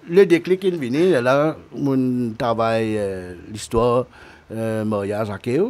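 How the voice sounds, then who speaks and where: A man chatting as a guest on a TV talk show, speaking broken, halting French with many fillers. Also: mid-range voice, huge pitch swings. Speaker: guest comedian. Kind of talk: casual TV interview chat. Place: TV studio.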